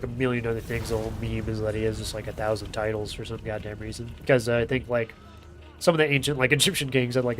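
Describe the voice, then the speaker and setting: Nasal, stuffed-up man casting a game. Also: mid-range voice. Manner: loose and chatty, swears casually, lots of fillers. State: blocked sinuses. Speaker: game caster and streamer. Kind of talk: casual play-by-play game commentary. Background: music playing.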